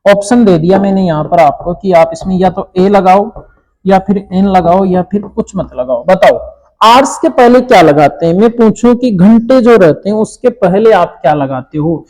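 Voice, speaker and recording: A man teaching an English grammar lesson to children, explaining slowly and checking in often. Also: high voice, animated, darkish tone, poor audio.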